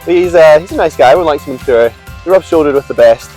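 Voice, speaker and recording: A man's voice: a little high, fast, darkish tone, faint music behind, poor audio. A young man bantering casually with a friend while commenting on his golf outdoors, jokey and matey. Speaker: golf vlogger.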